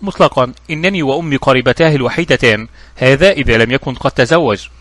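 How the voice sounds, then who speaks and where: A man's voice: medium pitch, fast talker, fairly bright tone, dry recording, close to an everyday voice. A man voicing an earnest young woman in a storybook reading, with eager, wondering speech. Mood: surprised.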